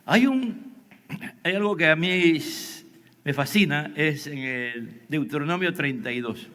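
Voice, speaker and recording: A man's voice: a little high, lively intonation, measured pace, fairly bright tone. A male pastor preaching a sermon to a youth service, often checking in with the congregation through rhetorical questions. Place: church hall. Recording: livestream in a reverberant church hall.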